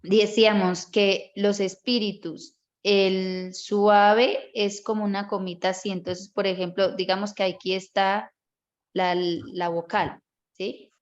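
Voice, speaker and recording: A woman's voice: mid-range voice, level tone, slow, muffled recording. Woman teaching a class over a call. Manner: explains step by step, often checks with students. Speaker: Bible course teacher. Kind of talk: online class lecture.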